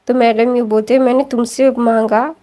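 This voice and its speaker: A woman casually retelling a fan story, chatty, linking sentences with fillers and quickly correcting herself. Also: a little high, little pitch movement, dark tone.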